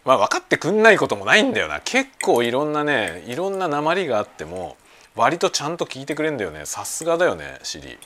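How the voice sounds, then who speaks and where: A man hosting a casual chat show, talking in a relaxed, rambling way over lunch at home. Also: mid-range voice, quick pace. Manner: relaxed rambling talk while eating lunch. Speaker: podcast host. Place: home kitchen with everyday sounds. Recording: faint household background noise.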